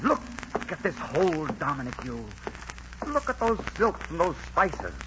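A man's voice: fairly high pitch, big pitch swings, a little slow. An actor playing a bold pirate captain who gives firm orders and teases his captives, in an old radio drama. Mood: commanding. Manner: authoritative, teasing. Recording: hissy, muffled old radio recording.

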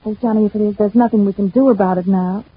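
A woman's voice: mid-range voice, fairly even intonation, fast talker, husky, no room sound. An actress playing an anxious, pleading young woman in an old radio drama. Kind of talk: 1950s radio drama acting. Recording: tinny old radio recording.

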